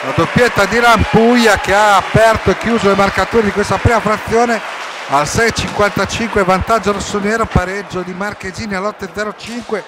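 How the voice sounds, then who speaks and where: Excitable high-pitched Italian male match commentator. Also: brisk. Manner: excitable, shouting and stretching players' names on goals. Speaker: sports commentator. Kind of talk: live roller hockey match commentary. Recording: noisy sports hall with crowd behind. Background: crowd and rink noise.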